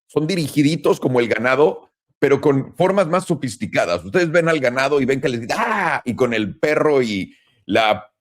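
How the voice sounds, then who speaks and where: A man with a Mexican Spanish accent, a crypto trading commentator, ranting in a casual, blunt and profane monologue, full of sarcasm. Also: medium pitch. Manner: blunt, profane and sarcastic, mocking others in put-on voices.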